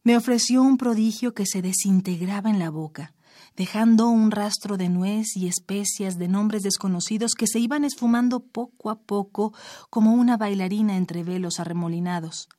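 A woman reads her own short story aloud, telling it in a measured, expressive manner. Her voice is mid-range, and the studio-quality recording has no echo.

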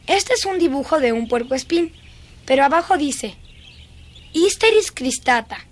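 A woman's voice: high voice, expressive, measured pace. A woman dubbing a dreamy, eerie little girl who is fascinated by dead beetles, in a lingering, singsong, childlike way. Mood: chatty. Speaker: dubbing actress. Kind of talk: film dubbing.

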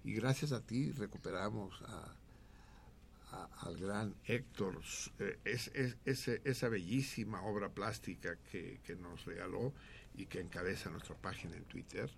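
A man hosting a radio show, joking and swearing in casual, animated talk. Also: sits low, unhurried, creaky, a little hiss or hum. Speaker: radio host. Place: radio studio.

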